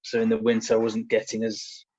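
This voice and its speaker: On dull lo-fi audio, a young personal trainer guesting on a podcast tells casual stories, brisk but hesitant and full of fillers and restarts. His delivery is completely flat, and his voice sits on the low side with a little mellowness.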